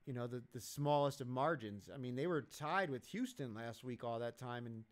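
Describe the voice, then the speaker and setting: Man, betting stream host, casual game commentary, profane, rambling, middle pitch. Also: lively intonation, normal speed. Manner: blunt, profane, rambling reactions.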